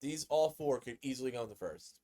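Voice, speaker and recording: A man hosting a casual sports commentary video, excitable and conversational, often repeating himself. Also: medium pitch, brisk.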